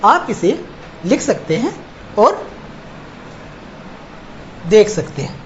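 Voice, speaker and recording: A male teacher works through a grammar lesson, repeating example words one at a time in an unhurried, dictating delivery. His pitch swings widely from word to word. The recording sounds dull and lo-fi, with a faint hiss underneath. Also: sing-song.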